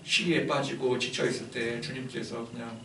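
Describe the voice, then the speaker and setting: A male pastor preaching a sermon in a conversational, animated way, full of fillers. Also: mid-range voice, moderate pace, slight background noise. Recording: roomy church hall, distant mic.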